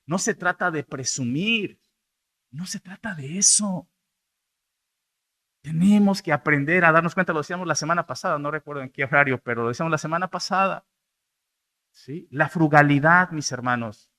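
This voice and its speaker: Mexican pastor guy preaching in church, bright tone, gets loud then drops quiet. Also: on the high side, normal speed, pauses often. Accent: Mexican Spanish. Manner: animated preaching, rising loud then dropping soft. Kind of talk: sermon.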